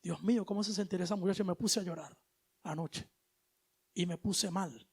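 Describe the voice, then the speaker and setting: A male preacher giving an animated sermon, moving between loud exhortation and hushed asides, with casual slang. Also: high-pitched, a little fast, vocal fry, husky. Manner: colloquial, uses street slang.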